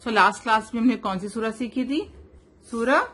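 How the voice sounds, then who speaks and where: A woman teaching a child Quran recitation rules, switching between Urdu and English, stretching words out slowly to model them and quizzing with "right?" and "fine". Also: a little high, a bit bright. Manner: asks quiz questions and checks with "right?" and "fine". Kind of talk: tajweed lesson for a child, mixing Urdu and English.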